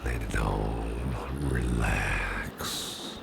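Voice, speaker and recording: A man gives a full character voice as a doting boss, a reassuring, flirtatious businessman, in an ASMR personal-attention roleplay. He speaks in a very deep, gravelly, breathy half-whisper with a steady tone, slow and soothing, repeating reassurances in genteel phrasing for a tender, lulling mood. The recording is very noisy.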